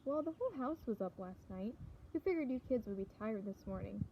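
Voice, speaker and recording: A woman voicing a gentle, easygoing mother who speaks softly and soothingly, read aloud from a storybook. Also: a little high, expressive, a little fast, dull audio, slight background noise.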